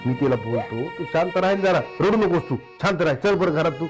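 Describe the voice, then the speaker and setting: A man's voice: a little high, animated, brisk, over music, lightly acted, poor audio. A man playing a soothing, caring brother. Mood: consoling. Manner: soothing, insistent, repeats "हा?". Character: caring older brother taking in his sister. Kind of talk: village family drama acting.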